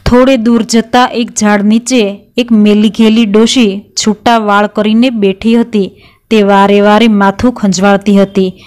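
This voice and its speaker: Smooth-voiced woman telling a folk tale. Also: mid-range voice, unhurried. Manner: steady, plain storytelling with quoted dialogue read in the same voice. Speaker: storyteller. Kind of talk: devotional folk tale narration.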